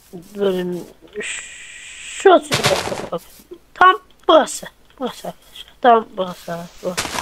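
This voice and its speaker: A woman with a fairly high voice talks viewers through her building, counting blocks and correcting herself as she plays. Her running commentary is loose and chatty. There is a steady hiss under her voice, with clicks over it. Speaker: gameplay channel host. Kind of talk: casual let's-play commentary.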